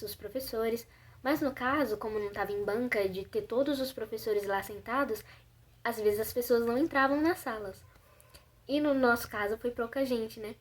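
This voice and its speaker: A young woman from Brazil telling a personal story in a chatty, self-conscious way, full of fillers. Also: fairly high pitch. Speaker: vlogger.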